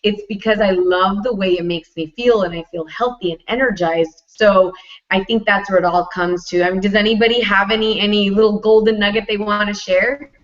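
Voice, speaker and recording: Woman, co-host, casual livestream chat, chatty, lots of fillers, mid pitch, dull lo-fi audio. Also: steady tone, fairly quick.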